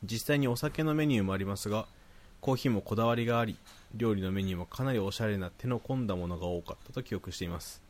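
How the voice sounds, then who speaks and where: A man with a Nagoya accent, a podcast co-host reading listener mail aloud in a calm, even voice and chatting casually. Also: fairly low pitch, fast. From Nagoya, Japan.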